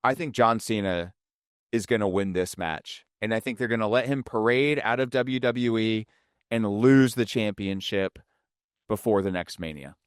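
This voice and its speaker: A man hosting a casual wrestling podcast with a playful, animated delivery that slips into announcer-style build-ups. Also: lowish voice, normal speed, smooth, no echo, studio quality. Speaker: podcast host.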